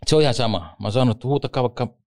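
A man, an ice hockey referee and former league player, telling lively joking anecdotes in a casual interview. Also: medium pitch.

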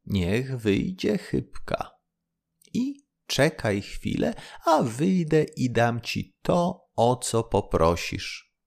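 A man voicing a tiny magic golden fish who calls herself queen of the seas, in a thin, pleading, high voice. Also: very animated, drawn-out words, vocal fry, a little mellow, exaggerated voice. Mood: gracious.

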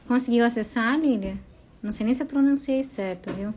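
A woman's voice: a little high, fairly quick, darkish tone, slight background noise. A woman with a Brazilian accent hosting a casual live stream, chatty and effusive as she greets viewers by name. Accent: Brazilian Portuguese.

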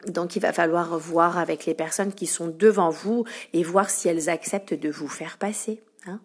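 A woman's voice: fairly low pitch, steady tone, normal speed, breathy edge. A woman podcaster telling comic stories from her shop job in a chatty, playful way, full of fillers. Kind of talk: comic anecdote monologue.

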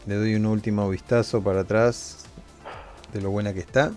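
A man's voice: fairly low pitch, fairly even intonation, a little slow, a little mellow, faint music behind. A man with an Argentine accent, playing a tabletop game with playful, in-character banter. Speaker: player.

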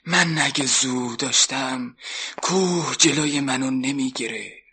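A man's voice: medium pitch, pushed and bright, slightly rough, exaggerated voice. A man playing a weary, sighing wind in a children's radio story. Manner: sighing, dismissive.

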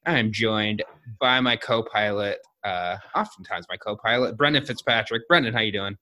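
A man hosting a podcast, chatting casually with his co-host in a relaxed, rambling way. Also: on the low side, normal speed. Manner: relaxed, chatty, with fillers and restarts.

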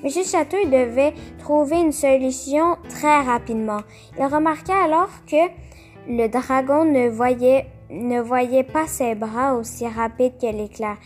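A woman reading a children's picture book aloud, slow and careful, stopping to explain the pictures. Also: high-pitched, soft background music. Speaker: storyteller.

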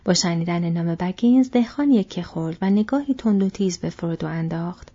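A woman narrates an audiobook at a steady, measured pace. Her voice is mellow and slightly husky, with a middle pitch. The recording sounds a little dull and lo-fi. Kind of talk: scripted narration.

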